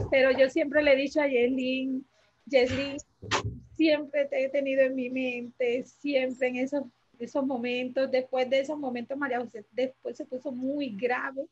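A woman's voice: high-pitched, a little mellow, muffled recording. A woman telling her story as an interview guest, speaking hesitantly, searching for words and repeating herself. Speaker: interview guest, mother of a heart transplant recipient. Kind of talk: emotional personal testimony.

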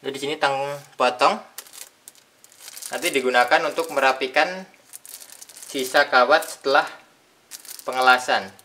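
Handling each piece on an indoor tabletop, a young man from Indonesia reviews a tool in an unboxing demo. His mid-range voice is bright and forceful, and he lays out the features in simple steps, pausing between phrases.

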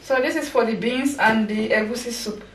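Recorded far from a camera mic across her echoey home kitchen, with background noise, this woman in her thirties narrates her cooking in a relaxed, chatty way. Her pitch is fairly high and her pace moderate as she chops and cooks for her vlog.

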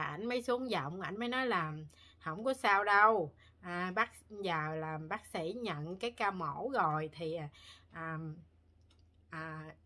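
A woman from Vietnam chats to her viewers in a bright, tense-edged voice. She rambles and restarts often, filling pauses as she talks. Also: mid-range voice. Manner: rambling with many fillers and restarts. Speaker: vlogger. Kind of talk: casual chat to viewers. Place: home in Korea.

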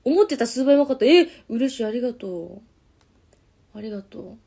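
A woman's voice: fairly high pitch, animated, fairly quick, vocal fry, warm tone. A young woman in her apartment, chatting casually on a live stream between karaoke songs, reading viewer comments aloud and keeping her voice down for the neighbours. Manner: keeps her voice down so the neighbours do not complain. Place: her apartment, corner room.

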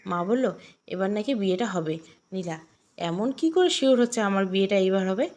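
A woman's voice: medium pitch, expressive, normal speed, darkish tone. A woman reading a romantic audio story aloud, shifting her tone for each character. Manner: reads every role herself, shifting tone for each character.

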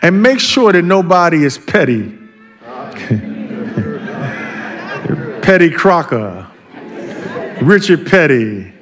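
A man pastor preaching a sermon, leading the congregation in call-and-response and breaking into joking asides. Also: fairly high pitch.

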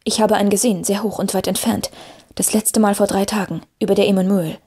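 A woman's voice: medium pitch, steady tone, quick pace, a little mellow, husky. A woman voicing an eager, keen-eyed male elf archer.

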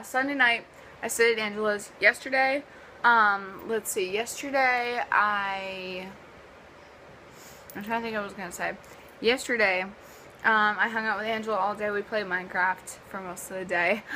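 A woman's voice: mid-range voice, pushed and bright, slight background noise, low-quality recording. A young woman from the US East Coast with a sore, partly lost voice, chatting casually in a vlog and rambling with lots of ums and likes. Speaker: vlogger.

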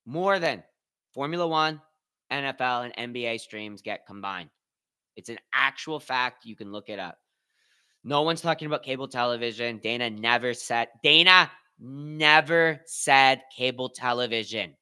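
A man's voice: medium pitch, normal speed, sharp tone, clean tone. A man hosting a live watch-party stream, commenting casually in loose slang and reading out and answering his chat.

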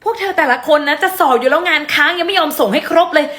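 A woman with a high voice performs quick comedy sketches. She is animated and plays a scolding teacher and chatty schoolmates in turn. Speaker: skit creator. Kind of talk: acted comedy skit.

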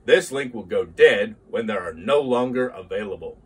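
A middle-aged man running a toy model channel shifts from scripted historical narration into an excited, casual product review. His lowish voice is expressive with a breathy edge at a normal pace, and he's enthusiastic, repeating things for emphasis.

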